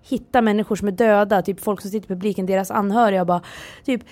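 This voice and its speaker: A woman's voice: mid-range voice, steady tone, a little mellow. A woman co-hosting a casual podcast who reacts dramatically and swears casually. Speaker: podcast co-host. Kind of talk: casual chat.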